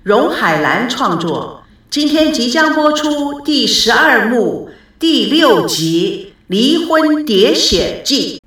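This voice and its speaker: A woman gives a slow, formal announcement for an audio novel, her pitch high and lively. She sounds far from the mic in a very echoey space. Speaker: program announcer.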